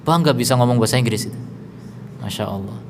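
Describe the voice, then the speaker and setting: A man's voice: medium pitch, fast, a little mellow. A man giving a religious study lecture in a conversational way, full of rhetorical questions and teasing asides. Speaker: Islamic teacher. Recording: long echo in a hall, faint background hiss.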